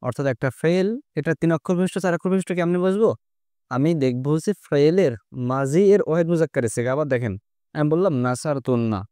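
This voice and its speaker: A man's voice: fairly high pitch, a little mellow, no echo, studio quality. A man teaching an online class, explaining step by step and keeping his students engaged with constant questions.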